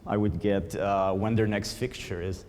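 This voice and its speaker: A Slovenian-born man gives a talk in a large conference hall, explaining his points with frequent ums. His voice is fairly low and mellow with fairly even intonation at a normal speed. The reverberant hall recording has slight background noise.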